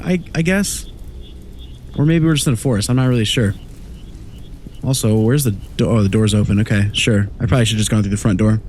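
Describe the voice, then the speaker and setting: A young man with a cold-stuffed voice rambles easily through a horror game as a gaming host, keeping up a chatty let's play commentary from his room at night. His voice sits mid-range and a little mellow, with a bit of hiss or hum in the background.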